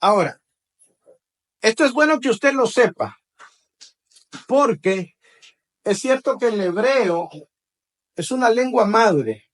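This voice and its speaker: High-voiced preacher. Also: male voice, expressive, slow pace, pauses often. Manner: leads call-and-response, tags phrases with "¿verdad?". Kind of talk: teaching sermon to a congregation.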